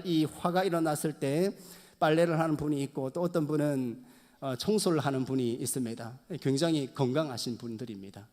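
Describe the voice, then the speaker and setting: Male pastor, fairly high voice, earnest sermon delivery, long reverb of a church hall. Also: darkish tone. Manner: earnest preaching, repeatedly addressing the congregation. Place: church sanctuary.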